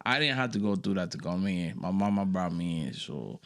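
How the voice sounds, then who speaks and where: Creaky-voiced and fairly quick, this Dominican podcast co-host swings his pitch widely. He's a relaxed young guy in casual conversation who curses freely and alternates between mumbling low and erupting in laughter.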